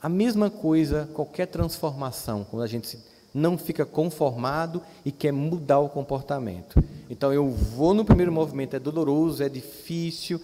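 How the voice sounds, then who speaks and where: A middle-aged Brazilian man giving a spiritual self-help talk to a live audience, jokey and animated as he throws questions at the crowd. His voice sits a little high yet sounds warm and mellow. The live recording carries the long reverb of a large hall. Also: moderate pace. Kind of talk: lively public lecture.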